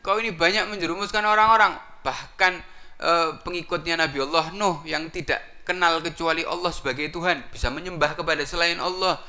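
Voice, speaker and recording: A man voicing a pack of male devil followers who needle their boss with loud, high, incredulous questions. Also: steady tone, a little fast. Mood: incredulous goading. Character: crowd of male devil underlings, goading, incredulous.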